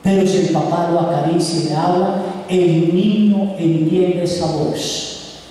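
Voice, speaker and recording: A male priest preaching a sermon, animated and asking the congregation questions. He acts out voices and sounds as he tells his stories. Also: fairly high pitch, unhurried. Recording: echoey church hall from far off.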